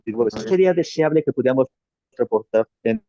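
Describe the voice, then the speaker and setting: A man's voice: fairly high pitch, sing-song, vocal fry, mellow, no echo, faint music behind. A man moderating a medical webinar, whose voice on a video call keeps breaking up as he restarts his questions. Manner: halting, restarts his sentences. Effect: connection breaking up, choppy audio. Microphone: computer mic on a video call. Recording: dull, dry, choppy video-call audio.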